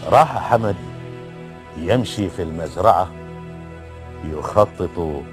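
Give me a man with a lowish voice narrating a storybook tale, measured and calm, with music behind. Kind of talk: scripted narration of a folk tale. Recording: background music.

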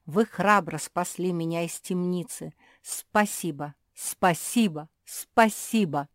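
Formal, gallant male pug, voiced by a woman, slow and measured. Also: lowish voice, no echo, clean studio sound. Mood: grateful. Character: courtly, learned male pug dog.

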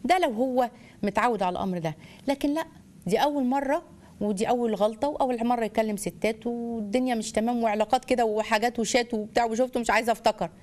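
Fast-talking Egyptian woman giving religious advice. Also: on the high side. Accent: Egyptian Arabic. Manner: animated, asks rhetorical questions, addresses listeners as daughters. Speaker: Islamic family lecturer. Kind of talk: religious advice lecture to wives.

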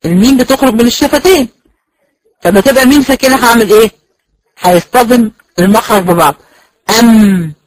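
A man's voice: very high voice, quick pace, pauses often, no room sound, rough recording. A man with an Egyptian accent giving a recorded lecture on Quran recitation. He explains step by step, asks and answers his own questions, and sounds out letters as examples.

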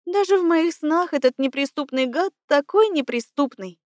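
Woman doing a sick, hoarse young woman, sulky and snappy, high pitch, dry. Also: expressive, moderate pace, no echo. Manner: indignant, rising outbursts.

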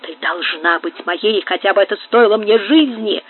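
A woman's voice: medium pitch, normal speed, husky, close to an everyday voice. A woman doing a hissing, obsessed man. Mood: pleading, obsessive. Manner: hissing, whispered intensity. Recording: tinny phone-like sound.

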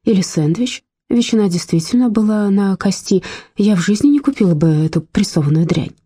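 A woman's voice: medium pitch, expressive, brisk, warm tone, husky, voice pushed up. A woman voicing an anxious, polite middle-aged mother in a read-aloud story, speaking in a soothing, placating way.

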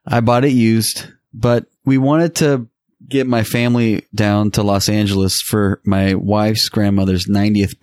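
Low-voiced man in casual conversation. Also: darkish tone, no echo. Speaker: podcast co-host. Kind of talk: casual chat and personal storytelling.

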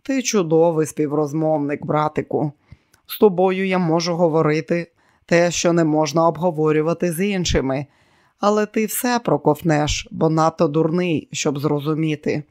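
A man voicing an arrogant, scheming man who is quick to rage, with a boastful, commanding way of talking. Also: on the high side, darkish tone, no room sound, studio quality, close to an everyday voice. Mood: smug.

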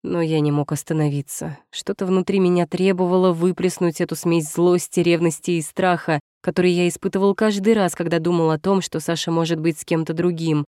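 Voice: mid-range voice, steady tone, brisk, hardly any pauses, a little mellow, dry recording. Dry, brooding audiobook narrator. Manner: tense, brooding, dramatic. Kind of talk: first-person romance novel narration.

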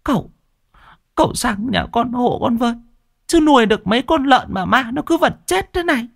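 A frightened middle-aged woman, as a storyteller puts her on, pleading in a strained, high wail with a lively swing. The sound is dry and close. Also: normal speed, creaky, no room sound, full character voice. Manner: pleading, wailing.

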